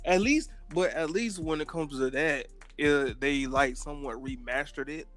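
A man's voice: a little high, moderate pace, fairly bright tone, faint music behind. A man with a slightly raised voice argues and teases his friends in a casual podcast chat. He pushes back on their takes with a playful edge. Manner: argumentative, teasing. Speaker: podcast co-host.

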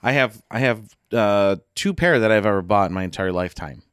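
A man's voice: lowish voice, lively intonation, fairly quick, a bit bright, clear, resonant tone, dry recording, clean studio sound. A man co-hosting a casual sports chat, swearing freely and rambling through stories. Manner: profane, rambling storyteller. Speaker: podcast co-host.

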